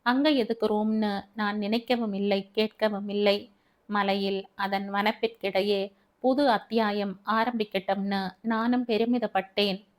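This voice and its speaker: A woman's voice: mid-range voice, fairly even intonation, a little slow. A woman with a Tamil accent narrating a family audio novel in first person, earnest and emotional.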